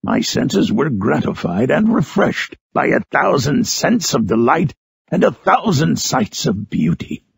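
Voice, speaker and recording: A man voicing Frankenstein's monster, a lonely, eloquent man-made creature, in a solemn, harsh storybook narration with drawn-out phrasing. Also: mid-range voice, sing-song, dry recording, heavily acted. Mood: somber, reflective. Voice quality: harsh, gravelly, raspy. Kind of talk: dramatic audiobook narration in character.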